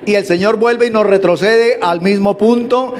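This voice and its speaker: Male preacher, high-pitched, sermon delivery, halting restarts and rhetorical questions. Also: darkish tone.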